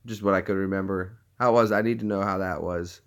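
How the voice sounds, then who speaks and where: Deep-voiced and steady, a male vlogger from Tennessee talks briskly and casually to camera in a neutral American accent. He keeps it jokey while explaining each step in order.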